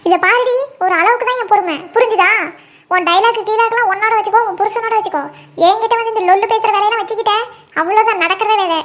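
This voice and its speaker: A very high, piercing voice for a domineering cartoon mother-in-law, acted by a woman. She scolds and taunts at a fast clip, words tumbling out in a steady stream. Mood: scolding. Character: bossy, sharp-tongued older mother-in-law. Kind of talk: comic cartoon voice acting.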